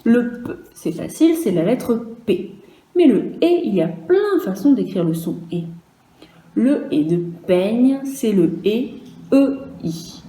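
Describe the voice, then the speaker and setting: Slow, dark-voiced woman teacher. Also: a little high, sing-song, reverberant, poor audio. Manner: slow and careful, spelling out letters one by one and repeating each word. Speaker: primary school teacher. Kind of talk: virtual dictation lesson for young children.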